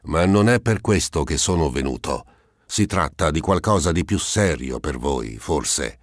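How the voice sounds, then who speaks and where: A man's voice: a bass voice, lively intonation, unhurried, no room sound, clean studio sound, heavily acted. A man voicing a middle-aged male notary who is shrewd and persuasive, giving earnest legal advice.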